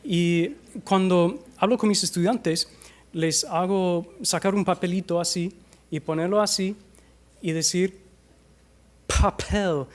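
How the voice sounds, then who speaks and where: A man with an American accent, a native English speaker, giving a conference talk on language teaching into a microphone, hesitating often and slowing down to demonstrate sounds. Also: high voice. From United States. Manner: hesitant, many filler sounds, slows down to demonstrate pronunciation. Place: conference hall.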